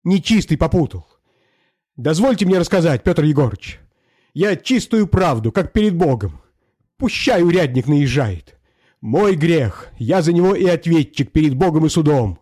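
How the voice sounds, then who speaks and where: A man voicing a timid lame peasant poacher who pleads in a trembling, stammering falsetto. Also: expressive, normal speed, dark tone, no echo, studio quality. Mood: quavering.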